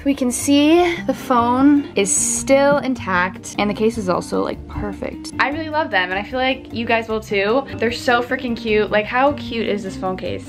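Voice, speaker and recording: A young woman in her twenties, chatting and laughing in a teasing, bubbly way from her bedroom. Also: fairly high pitch. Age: 20s. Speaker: vlogger. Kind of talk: casual chat and video-chat banter.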